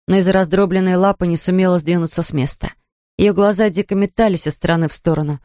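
Brief: measured female audiobook narrator, fairly low voice, dry studio sound. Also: warm tone, no room sound. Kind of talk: scripted narration.

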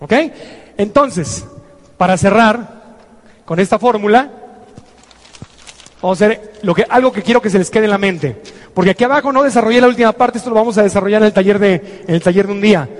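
A man giving an energetic motivational business seminar, coaxing the audience and acting out scenes. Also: sits high, fairly quick, pauses often. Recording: echoey hall reverb.

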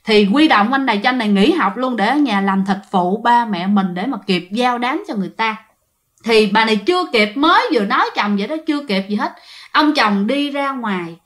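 A woman's voice: fairly high pitch, expressive, fairly quick, a bit bright. Chatty woman storyteller. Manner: chatty, addresses listeners, many fillers. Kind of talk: told ghost story narration.

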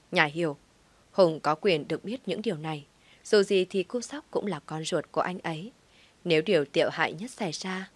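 A woman narrating a scripted audio story with an emotive, dramatic reading. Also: on the low side.

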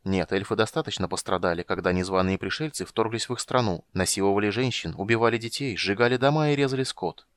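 A man narrating a fantasy audiobook in a steady, measured storytelling manner. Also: fairly low pitch, no room sound, studio quality.

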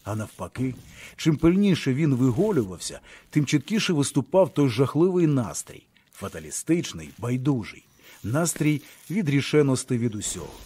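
A man narrating a literary audiobook in a measured, expressive way. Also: mid-range voice, slightly rough.

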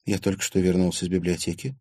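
A man voicing a strict, level-headed teenage schoolgirl in an audiobook, brisk and firm. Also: deep voice, little pitch movement, dark tone, dry recording. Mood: stern.

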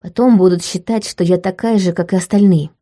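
Brief: woman reading a prickly, jealous young heroine, mellow voice, audiobook. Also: lowish voice, fairly even intonation, a little fast, close to an everyday voice. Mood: indignant. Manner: indignant, defensive. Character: young orphan girl, a proud, jealous student. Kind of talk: audiobook character voice.

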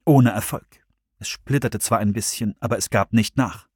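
Man, audiobook narrator, measured storytelling, dry close recording. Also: lowish voice, a little mellow, husky, no room sound. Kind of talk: scripted narration.

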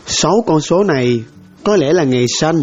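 A man's voice: on the high side, expressive, moderate pace, darkish tone, muffled recording, faint music behind. An actor playing a curious younger man who asks polite questions. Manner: polite, inquisitive.

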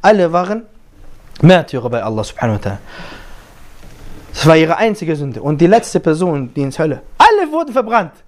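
A male preacher giving a Friday sermon, telling a story with lively acted-out dialogue and quick recited Arabic verses. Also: on the high side.

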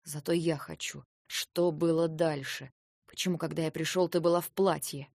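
A woman voicing a quiet, menacing male captor. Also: fairly even intonation, normal speed, no echo, clean studio sound. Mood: quiet menace. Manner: quiet, low, insistent questioning. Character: stern, menacing young male otherworldly captor.

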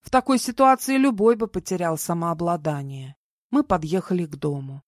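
A woman's voice: fairly low pitch, normal speed, no echo, clean studio sound. Woman reading a first-person audiobook. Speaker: audiobook narrator.

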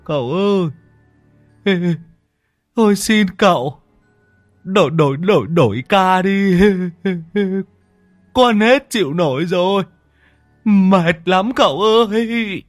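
Man doing a high whiny pleading servant. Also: expressive, takes it slowly, pauses often, no echo, soft background music. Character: worn-out male servant spirit, whiny and pleading.

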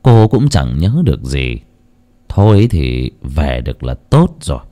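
A calm old monk speaks slowly in a deep, dark voice, as a male storyteller puts him on. He sounds measured and solemn. Told as a spoken ghost story. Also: full character voice. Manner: slow, measured, solemn chanting tone.

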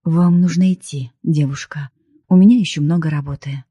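A woman voicing a kind-hearted male police investigator who gently soothes a distressed young woman. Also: sits low, fairly even intonation, normal speed, husky, dry recording. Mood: soothing.

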